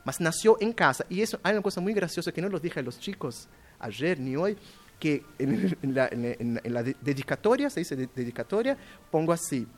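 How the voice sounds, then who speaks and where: Animated, halting male storyteller. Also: a little high. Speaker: guest children's book author. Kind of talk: radio interview storytelling. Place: radio studio.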